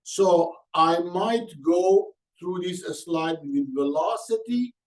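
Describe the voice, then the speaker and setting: A man's voice: high voice, slow, distant mic, low-quality recording. A man in his sixties from Iran with a Persian accent, giving a webinar lecture in an earnest, personal way, with hesitant fillers and non-native grammar. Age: 60s. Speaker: guest presenter.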